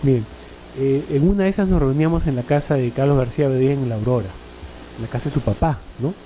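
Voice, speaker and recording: A man's voice: mid-range voice, quick pace, mellow, slight background noise, poor audio. A middle-aged man tells rambling anecdotes at a panel, with frequent tag questions and fillers. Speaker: panel speaker.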